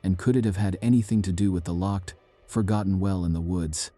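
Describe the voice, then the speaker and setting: A man giving a measured, ominous scripted narration of eerie true stories. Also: low-pitched, mellow.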